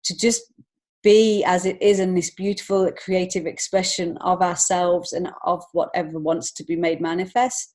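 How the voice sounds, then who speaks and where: With a fairly low, darkish voice, level tone, and normal speed, an English-accented woman from England talks earnestly and thoughtfully. She is a children's author and illustrator appearing as a guest in a conversational podcast interview.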